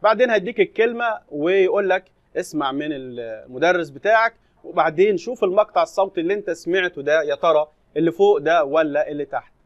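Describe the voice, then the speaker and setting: A man with an Egyptian Arabic accent, teaching a lesson and reading English slowly before explaining it in Arabic. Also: fairly high pitch, animated, dry recording, dull audio. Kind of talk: recorded classroom lesson explanation.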